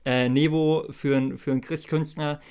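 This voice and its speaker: A man's voice: fairly high pitch, steady tone, measured pace, darkish tone, clear, resonant tone. Hyped man announcing giveaway winners. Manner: hyped, enthusiastic, slangy. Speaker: podcast co-host.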